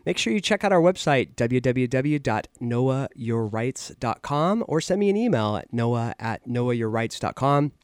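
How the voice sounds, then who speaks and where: A man's voice: mid-range voice, expressive, moderate pace, few pauses, smooth, no echo. A man hosting a legal advice radio show, explaining things on a close studio mic.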